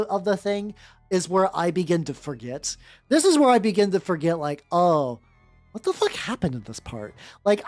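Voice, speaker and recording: A woman with a mid-range, darkish voice hosts a vtuber livestream with music in the background. She chats casually and reads fan fiction aloud, regularly stammering, repeating words and breaking off to comment.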